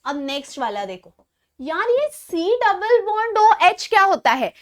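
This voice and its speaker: Woman, Indian accent, teacher, very high voice, slow pace, chatty and teasing. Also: sing-song, a bit bright. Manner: chatty, teasing, repeats key terms slowly. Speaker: chemistry teacher. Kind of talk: online class lecture.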